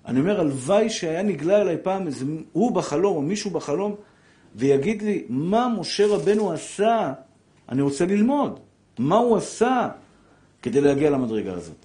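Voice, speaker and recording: Animated rabbi with a fairly high voice. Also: male voice. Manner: emotional, animated storyteller who questions the audience. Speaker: rabbi giving a Torah class. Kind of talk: lively religious lesson to a live audience.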